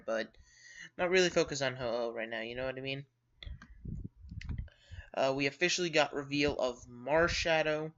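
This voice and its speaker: Bright-voiced man with lo-fi sound. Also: fairly high pitch. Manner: rambling, many fillers and self-corrections. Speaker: gaming news host. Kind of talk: casual video-game news commentary. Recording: dull lo-fi sound.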